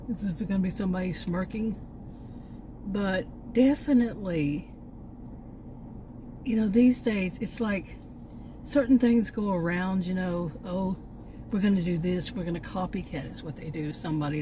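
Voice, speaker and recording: Against a noisy background, a lowish-voiced woman with a Texas accent hosts her channel from outside by the woods and a park. Her casual vlog talk wanders, packed with fillers and corrections of herself.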